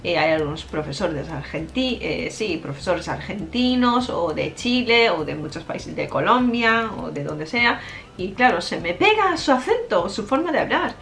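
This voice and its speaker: A Japanese-born Spanish teacher speaks fluent Spanish as a guest in a casual interview, at normal speed in a low-side voice with vocal fry. Her storytelling is animated and peppered with laughs and fillers.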